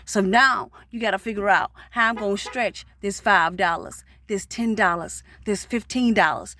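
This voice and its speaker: A woman, vlogging casually and rushing through encouraging, preachy talk to her viewers. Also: mid-range voice, fairly bright tone, no echo, clean studio sound. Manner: rushed, fast-talking, preachy encouragement.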